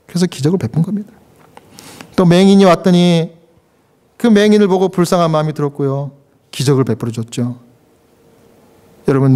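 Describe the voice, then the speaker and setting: High-voiced man preaching with feeling. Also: a little mellow. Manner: emotional preaching with sudden pitch leaps and acted quotes; conversational, asks the congregation questions. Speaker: pastor. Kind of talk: sermon.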